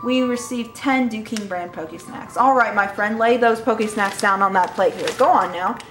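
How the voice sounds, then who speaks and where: A woman's voice: medium pitch, moderate pace, a bit bright, roomy sound, faint music behind, lightly acted. A woman voicing a boastful male inventor, reading game text aloud in a showman tone and now and then stumbling over words.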